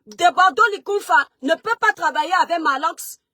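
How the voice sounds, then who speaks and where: A woman, hosting a live stream and shouting rapid, scolding questions at her viewers. She says her voice is going hoarse. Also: very high-pitched, dry recording, studio quality. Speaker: livestream host. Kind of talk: heated live-stream rant.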